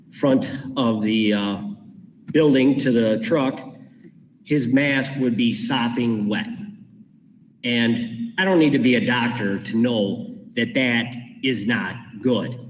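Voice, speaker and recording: A man, a parent, giving a plainspoken, halting public comment at a school board meeting, with many fillers. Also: mid-range voice. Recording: roomy hall, distant mic, faint noise.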